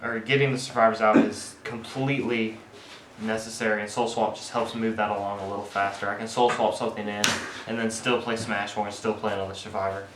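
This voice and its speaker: A man with a fairly low voice talks through his card game deck in a casual, halting way, pausing on fillers as he explains each choice. The room around him is echoey, with a faint hiss underneath. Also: level tone. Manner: halting, many fillers and restarts while explaining. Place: indoor room with friends nearby.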